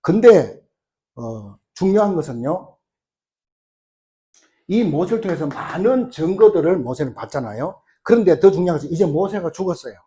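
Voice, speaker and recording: A middle-aged male pastor preaching a sermon, telling the story with lively acted-out dialogue. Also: a little high, normal speed. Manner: animated storytelling, acting out the quoted lines.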